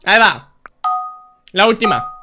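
A young man, streaming a drawing game in a bright, high voice that is very clear and forward. He talks casually and teasingly and shouts the answers with excitement. Keyboard typing can be heard faintly in the background. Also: measured pace. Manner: playful, teasing, shouts guesses.

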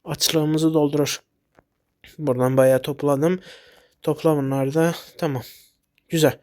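Guy playing a game, a bit sick, fairly high voice, yelps and blurts stuff out. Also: a little slow. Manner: excitable, blurts out short exclamations. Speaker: gaming YouTuber. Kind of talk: casual gameplay commentary.

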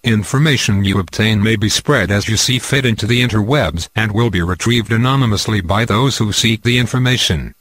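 A man speaking in a disguised deep voice, reading a scripted declaration as an anonymous spokesman in a flat, measured, impersonal way. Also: breathy edge, no echo.

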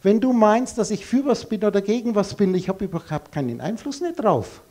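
A man's voice: sits high, animated, fairly quick, a little mellow. A man giving a live lecture to an audience in a blunt, emphatic way, full of rhetorical questions.

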